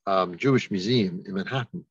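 A man giving a rabbi's holiday message, telling a story in an unhurried way and lifting his voice for the people he quotes. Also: low voice, husky, dry recording, dull audio. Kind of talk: sermon with storytelling.

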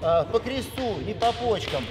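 A man's voice: high-pitched, expressive, normal speed, over loud music. A man giving short, plain step-by-step instructions as he demonstrates a technique. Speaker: massage therapist demonstrating. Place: large echoing sports hall. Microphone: camera a few meters away. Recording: echoey hall, loud background noise.

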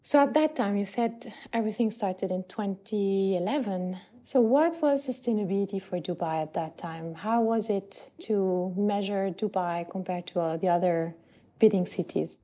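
A woman's voice: mid-range voice, moderate pace, dark tone. A woman interviewing a guest, asking friendly and curious questions in a conversational way.

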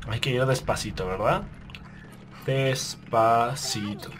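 A man commentating on his own game run, swearing, yelling when startled, and muttering to himself. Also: mid-range voice, expressive, normal speed, a little hiss or hum. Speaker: gaming video host. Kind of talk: let's play commentary.

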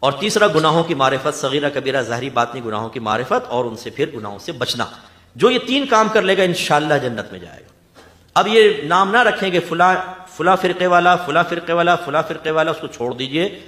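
A man from Pakistan giving an animated religious lecture, full of rhetorical questions and teasing asides. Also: a little high, fairly quick, echoey room. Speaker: Islamic scholar giving a talk.

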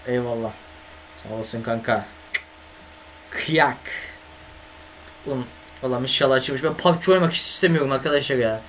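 A man's voice: mid-range voice, moderate pace, pauses often, fairly bright tone, a little hiss or hum. Man grumbling through a live gaming stream. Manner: swears and grumbles at the computer, talks to chat. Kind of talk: casual live-stream chat.

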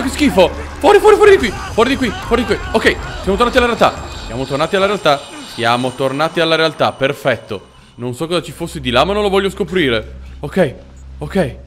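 Male Italian horror gamer, high-ish voice, nervous swearing commentary, light music bed. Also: a bit bright. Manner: swearing, panicky yelps at jumpscares, talks to the character. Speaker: gaming YouTuber. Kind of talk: horror game let's play commentary.

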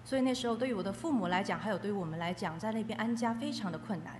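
A woman with a medium-pitched, somewhat dark voice interprets testimony phrase by phrase at a brisk clip. The echo of the hall surrounds her, and faint noise lingers underneath.

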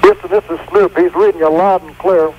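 A man's voice: sits high, steady tone, a little fast, muffled recording. A man, an astronaut in the lunar module, speaking in a clipped radio exchange with mission control, his faint voice fading in through static.

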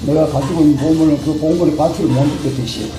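A man's voice: a little high, steady tone, fast, dark tone. A middle-aged or older man, chatting casually. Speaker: apple farmer. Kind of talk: casual chat. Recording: roomy echo under music.

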